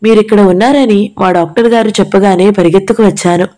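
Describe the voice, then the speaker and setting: A woman voicing a kind, concerned older gentleman who speaks gently. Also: medium pitch, fast, natural voice.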